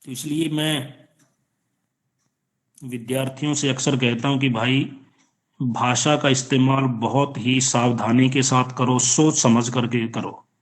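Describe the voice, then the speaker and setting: A man teaching an online class with an Indian accent, explaining slowly and patiently with repeated examples. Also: mid-range voice, steady tone. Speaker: college teacher. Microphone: online class, computer or phone mic.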